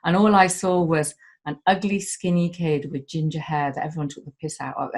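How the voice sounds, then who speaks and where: A woman's voice: sits low, fairly even intonation, fairly quick, darkish tone. Emotional woman, candid and sweary. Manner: emotional, heartfelt, swears casually. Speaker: guest. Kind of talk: candid conversation.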